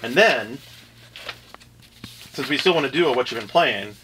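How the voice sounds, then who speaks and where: A man hosting a loose podcast chat, rambling through his thoughts with a dry, wry edge. His voice is bright and forward, with a faint hiss in the recording. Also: medium pitch, expressive, moderate pace, low-quality recording. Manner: rambling, wry, self-interrupting. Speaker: podcast host planning the show. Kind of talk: casual behind-the-scenes chat.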